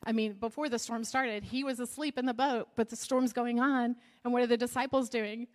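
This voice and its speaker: Woman preacher, sermon, high-pitched, chatty asides, laughs often, whispered prayers. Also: brisk. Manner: lively, shifts to soft whispered prayer.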